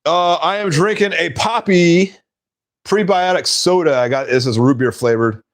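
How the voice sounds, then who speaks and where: A man's voice: fairly high pitch, moderate pace. A man hosting a casual live stream, rambling and laughing at his own stories.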